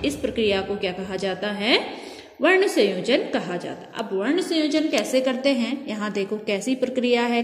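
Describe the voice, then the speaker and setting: A woman teaching a grammar lesson who asks her own questions and answers them, spelling out sounds one by one. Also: mid-range voice. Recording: echoey room with long reverb.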